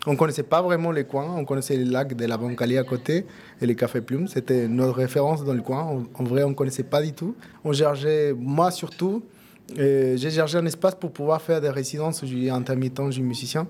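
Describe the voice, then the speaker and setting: A native Spanish speaker from Argentina, this man is a musician and café co-founder answering casually in an interview, often repeating words. His mid-range voice moves fairly quickly, with a darkish tone and an Argentine Spanish accent.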